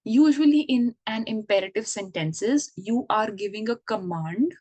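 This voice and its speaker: A woman's voice: a little high, lively intonation, measured pace, darkish tone, husky, no echo, lo-fi sound. A woman giving an online English grammar lesson, explaining patiently and checking in with the listener. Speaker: English teacher.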